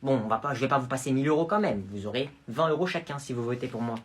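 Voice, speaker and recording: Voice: racing, breathy edge, lightly acted. Agnan, a smug rich schoolboy, as a sketch performer puts him on. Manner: low, hushed, smug murmur. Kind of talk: comedy sketch.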